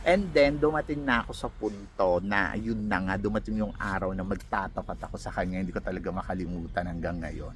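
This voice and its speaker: Low-voiced man telling a personal story. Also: a little fast, hardly any pauses, a little hiss or hum. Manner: animated, laughs often, acts out quoted dialogue.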